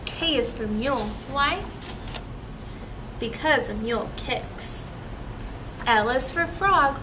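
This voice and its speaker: A young woman, high-voiced and animated, takes her time reading a picture book aloud and prompting the children with teacherly questions. She sits in a small room; the camera capturing her is a few metres away, and the room is noticeably noisy.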